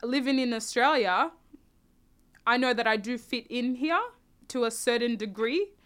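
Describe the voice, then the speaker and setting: A young woman from South Sudan, answering interview questions in a relaxed, reflective way, often restarting and adding "you know". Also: a little high, moderate pace, clean tone. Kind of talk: casual conversational interview.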